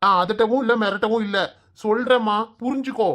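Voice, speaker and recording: A woman's voice: fairly high pitch, fairly quick, fairly bright tone, close to an everyday voice. A woman voicing an exasperated young husband caught between his family in a comic cartoon, with a Kanyakumari Tamil accent, arguing and pleading.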